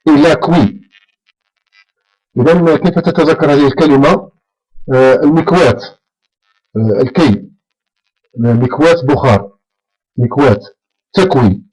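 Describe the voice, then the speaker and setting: Man teaching French vocabulary, fairly high voice. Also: a little mellow, poor audio. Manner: slow, drawn-out call-and-repeat drilling. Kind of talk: explaining French vocabulary in Arabic.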